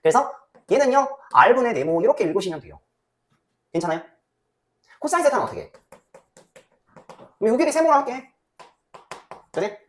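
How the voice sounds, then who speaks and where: A woman's voice: on the high side, sing-song, normal speed, long pauses. A woman teaching a math lesson in a casual, chatty way, often asking the students to check along. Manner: chatty, asks students frequent checking questions; voices student replies herself. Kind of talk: casual lecture.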